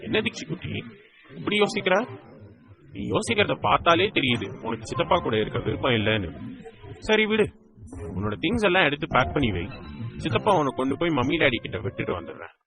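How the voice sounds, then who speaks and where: A doting young uncle with a gravelly voice. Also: male voice, mid-range voice, very animated, fairly quick, over music. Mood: coaxing. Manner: coaxing, playful baby talk with the child. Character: affectionate young man, doting uncle to a small niece. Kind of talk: audiobook drama acting.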